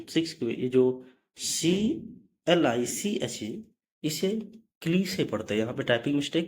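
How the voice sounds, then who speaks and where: A man with a mid-range, slightly mellow voice works slowly through an English pronunciation lesson. He spells words letter by letter, then pronounces them, and corrects himself every so often.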